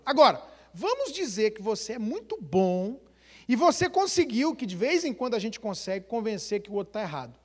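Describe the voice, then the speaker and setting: A man from Brazil preaches with a high, sweeping voice that jumps between near-shouts and low asides. He acts out family arguments and fires questions at the congregation. His voice rings with the long reverb of a church hall. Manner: lively, dramatic delivery, acting out family quarrels and rhetorical questions. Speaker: pastor. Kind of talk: sermon.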